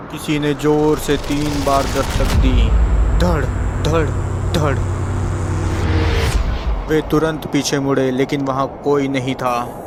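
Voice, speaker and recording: Slow, flat-voiced male horror storyteller. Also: mid-range voice, background noise. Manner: slow, measured, suspenseful telling. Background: music.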